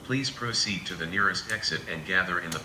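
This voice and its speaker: Deep male evacuation announcement over a loudspeaker. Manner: calm, measured, repetitive public-address delivery. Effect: played over a small loudspeaker. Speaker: emergency announcer. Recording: echoey speaker playback with faint noise.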